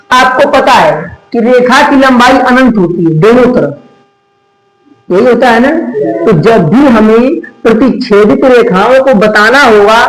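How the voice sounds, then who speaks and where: Male tutor, high-pitched, call-and-response lecturing, roomy echo. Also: slight background noise. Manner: asks questions and answers them himself, repeating key terms slowly. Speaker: maths teacher. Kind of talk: classroom lecture. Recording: echoey room.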